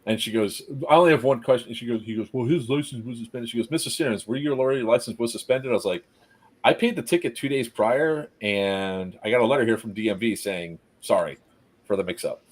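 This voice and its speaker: A man in casual conversation on a stream, telling an animated story, acting out quotes, laughing and swearing freely. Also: medium pitch, brisk. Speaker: stream co-host.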